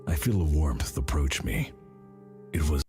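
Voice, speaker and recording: A man narrating a meme story in a slow, deadpan way, his voice pitched way down so it sounds unnaturally deep. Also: gravelly. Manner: slow, flat, deadpan delivery. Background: music playing under the voice.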